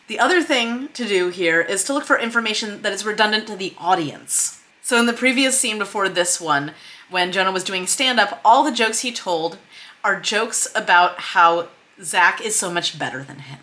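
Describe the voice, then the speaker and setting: A woman with a mid-range voice and a sharp tone leads a screen-share writing lesson at a moderate pace. Her intonation is lively as she explains conversationally, reads script excerpts aloud, and stresses key words.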